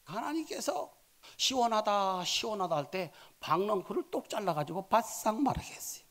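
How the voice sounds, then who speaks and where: A man preaching as senior pastor, telling a Bible story dramatically, swinging between soft asides and loud exclamations. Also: sits high, lively intonation, normal speed. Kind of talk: sermon.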